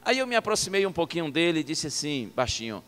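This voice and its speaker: A Brazilian pastor preaches in an animated, playful storytelling sermon with a high-pitched male voice. A long reverb from the church hall trails his words. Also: fast talker. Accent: Brazilian Portuguese.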